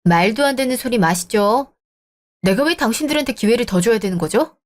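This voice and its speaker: A woman's voice: on the high side, animated, fairly quick. A young adult woman narrating and playing the lead in a scripted radio drama, with cold, cutting retorts.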